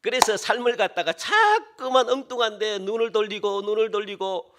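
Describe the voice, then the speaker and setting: A pastor preaching a sermon in a church, asking questions and answering them himself, repeating phrases and dropping to a hush on key words. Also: male voice, high voice, lively intonation, moderate pace, noisy background. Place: church sanctuary.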